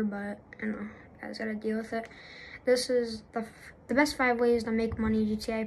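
Young woman, gaming YouTuber, rambling unscripted chat, slightly high voice, faint hiss behind. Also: low-quality recording. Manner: rambling, apologetic, many fillers and restarts. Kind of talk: unscripted casual commentary.

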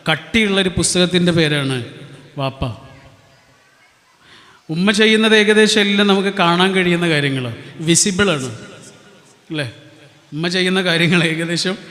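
A man's voice: high voice, sharp tone. A man giving an earnest storytelling talk and asking his listeners questions. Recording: long hall reverb.

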